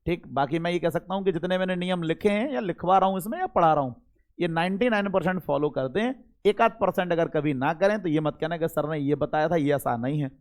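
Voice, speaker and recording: A man's voice: fairly high pitch, fairly quick. A young man, teaching a classroom lecture, chatty, talking straight to his students and repeating key words. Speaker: Hindi teacher.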